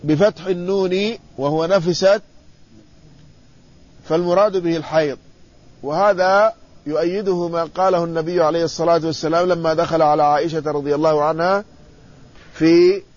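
A man teaching an Islamic hadith lesson, reading a classical text aloud, explaining it and putting quick questions to his students. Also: a little high, darkish tone, lo-fi sound. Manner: reads quoted text then explains, quizzes students.

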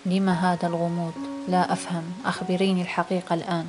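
A woman's voice: fairly low pitch, monotone, fairly quick, music in the background, close to an everyday voice. A woman reading an insistent young husband. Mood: pressing. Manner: insistent, pressing questions. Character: tense young husband demanding answers. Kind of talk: audiobook reading.

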